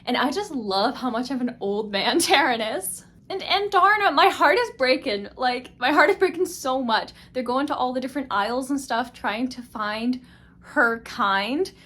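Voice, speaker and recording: A young woman giving an excited, gushing book review vlog, full of fillers and laughter. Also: high voice, normal speed.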